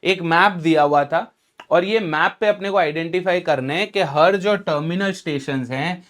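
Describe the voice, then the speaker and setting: A man's voice: on the high side, normal speed, fairly bright tone. Chatty man teaching exam tricks. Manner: chatty and emphatic, mixing Hindi and English, asks rhetorical questions. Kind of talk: casual explanatory lecture.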